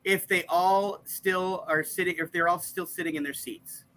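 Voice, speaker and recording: A man's voice: high voice, fairly even intonation, normal speed, bright, forceful tone, slight background noise. A man co-hosting a casual comedy news chat, riffing and rambling. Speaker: comedian co-host.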